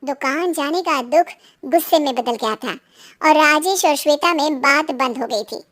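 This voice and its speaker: A woman narrates a cartoon moral story in a plain, scripted storytelling manner. Her voice is very high. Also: moderate pace, a bit bright.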